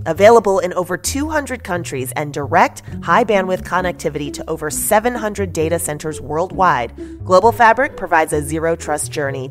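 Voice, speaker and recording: A woman reading scripted sponsor ads with smooth, polished delivery. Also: on the low side. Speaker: sponsor ad reader. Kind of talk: scripted podcast ad read. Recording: faint music behind.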